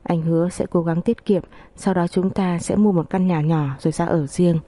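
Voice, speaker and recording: A woman's voice: lowish voice, fairly even intonation, moderate pace, mellow, no echo, lightly acted. A woman voicing a protective young husband who speaks earnestly and firmly in an audio story. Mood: tender. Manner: earnest, firm.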